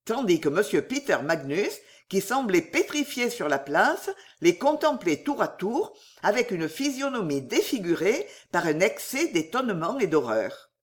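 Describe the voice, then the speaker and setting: Expressive woman reading a classic novel. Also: on the low side, measured pace. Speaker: audiobook narrator. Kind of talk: scripted narration of a classic novel.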